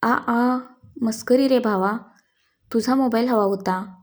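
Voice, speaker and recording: A woman's voice: fairly high pitch, slow pace. A woman voicing a playful young man who jokes his way out of trouble and stammers when caught lying. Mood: flustered. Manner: teasing, nervous, joking. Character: young man, playful, sly, fumbling liar.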